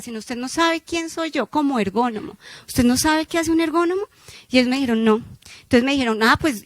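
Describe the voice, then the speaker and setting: A woman's voice: high voice, dry recording. A woman giving a conference talk, telling a story and acting out the dialogues. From Colombia. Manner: animated storyteller, acts out dialogues. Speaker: conference speaker.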